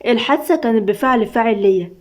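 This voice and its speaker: A woman with an Egyptian accent voicing an easygoing, joking young man who speaks quickly. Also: fairly high pitch, lively intonation, close to an everyday voice. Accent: Egyptian Arabic. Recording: dull lo-fi recording.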